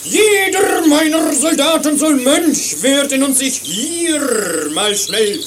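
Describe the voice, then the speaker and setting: Vain comedy monarch, high-pitched and swooping, impatient, bossy. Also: male voice, animated, takes it slowly, noisy background, exaggerated voice. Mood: impatient, imperious. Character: vain, impatient, bossy king hungry for adoration. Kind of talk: comedy sketch acting.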